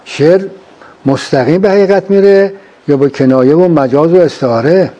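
Male interviewer with a fairly high, warm voice who leads with short probing questions. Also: lo-fi sound. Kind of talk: philosophical conversation.

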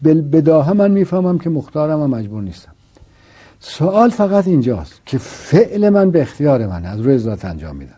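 Here the teacher's voice runs on the high side, mellow and a little breathy, with big swings in pitch. He lays out a philosophical argument by posing rhetorical questions and repeating himself for emphasis.

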